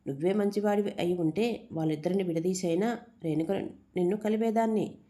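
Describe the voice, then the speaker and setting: A woman's voice: lowish voice, fairly quick, dark tone, natural voice. A woman reading a storybook, voicing a defiant young woman who stands up to a villain. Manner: defiant, tearful.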